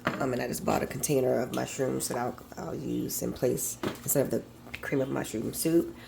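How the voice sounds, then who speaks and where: A woman with a naturally raspy voice, hoarse from a cold, chatting softly and haltingly in a casual cooking vlog from her kitchen. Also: very deep voice, steady tone, background noise. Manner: soft, halting, lots of ums. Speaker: cooking vlogger. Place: home kitchen.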